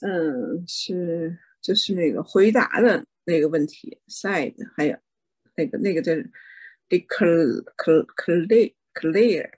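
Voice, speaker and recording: A woman's voice: on the low side, expressive, unhurried, slightly rough, no room sound, poor audio. A woman student asking hesitant questions in a lesson, searching for words as she speaks.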